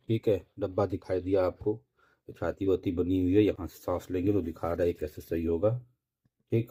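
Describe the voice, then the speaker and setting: Low husky guy doing a chatty unboxing review, jokey. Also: dark tone. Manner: chatty, jokey, keeps saying "theek hai". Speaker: product reviewer.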